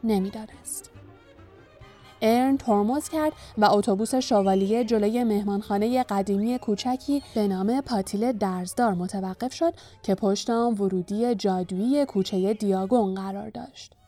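A woman narrating a storybook in a calm, even reading voice. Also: mid-range voice, faint music behind. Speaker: audiobook narrator.

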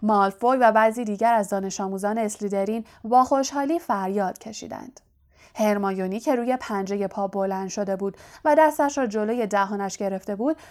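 A woman narrating a fantasy novel as an audiobook in an even, steady storytelling manner. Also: mid-range voice.

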